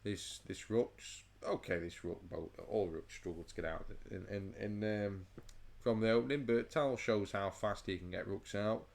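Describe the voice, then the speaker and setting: A man's voice: on the low side, moderate pace, gravelly, few pauses, a little mellow. A man casually commentating a chess game, rambling and stammering through restarts while overheated and sweating. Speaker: chess channel host.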